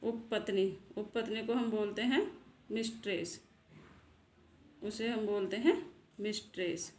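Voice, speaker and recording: A woman's voice: medium pitch, fairly even intonation, unhurried, a little mellow. Echoey woman teaching English words. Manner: repeats each word twice, asks and answers herself. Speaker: channel host and English teacher. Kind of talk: casual vocabulary lesson. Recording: echoey room with faint noise.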